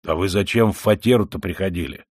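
A man reading the part of a surly yard-keeper in an audiobook, firing curt, gruff questions. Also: low voice, fast talker, darkish tone, dry recording, clean studio sound. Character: surly male yard-keeper, growing angry.

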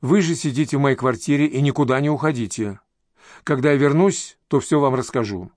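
Man voicing a calm middle-aged doctor, kindly, soothing, mid pitch, storybook reading, dry sound. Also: fairly quick, dry recording, lightly acted. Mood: reassuring.

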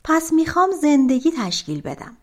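A woman's voice: high-pitched, big pitch swings, darkish tone, pitched above the performer's own voice. Woman doing a flustered naive young villager. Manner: flustered, stammering. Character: naive young village man, easily fooled.

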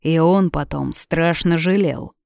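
A woman voicing a calm, serious young man answering questions slowly and steadily. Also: low voice, gravelly, no echo, clean studio sound, exaggerated voice.

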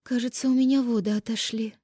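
A woman's voice: medium pitch, measured pace, mellow, breathy edge, no room sound, clean studio sound, voice pushed up. A woman reading an audiobook voices a frightened young pregnant woman, whispering breathlessly and shakily. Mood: hoarse.

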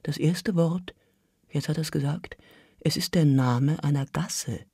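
A reader performing a literary story for radio in a measured, dramatic way that often sinks to a hush. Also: medium pitch, breathy edge, dry recording, studio quality. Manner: measured, dramatic, drops to hushed whispers. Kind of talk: scripted literary reading.

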